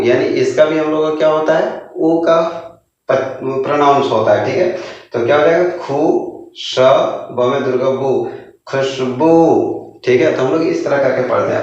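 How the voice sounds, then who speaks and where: A man teaching a beginner lesson, slowly sounding out syllables and asking and answering his own questions. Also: on the high side, a little mellow. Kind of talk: Hindi literacy lesson. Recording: distant echoey lo-fi room sound.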